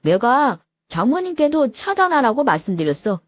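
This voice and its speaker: A woman voicing a blunt, firm young husband, speaking lower than her own voice. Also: very animated, normal speed, no echo, clean studio sound. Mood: flat. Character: exasperated young married man, blunt husband.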